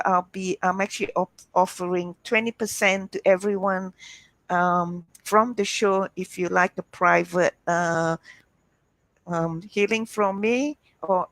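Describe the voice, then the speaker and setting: Woman, informal online host, unhurried pace, hesitant and meandering, dry sound. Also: lowish voice, fairly bright tone, no echo. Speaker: healer hosting an online show. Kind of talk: informal chat to online audience.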